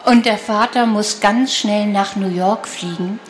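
A woman reads a children's book aloud at a slow, steady pace. Her storytelling is calm and clear, with her voice sitting in a middle register. A faint hiss runs underneath. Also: medium pitch. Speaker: reader.

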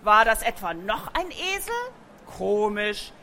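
A woman reading a children's book aloud, with gentle, expressive storytelling. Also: a little high, measured pace. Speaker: narrator.

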